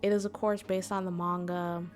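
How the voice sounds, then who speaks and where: Addressing her audience conversationally, a woman hosting a convention panel gives an informal explainer at normal speed. Her voice is on the low side with little pitch movement, over soft background music.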